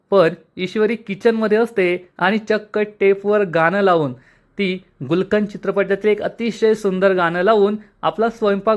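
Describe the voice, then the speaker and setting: A man retelling a TV serial episode in speech, acting out the characters' lines as he narrates. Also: sits high. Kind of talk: storytelling episode recap.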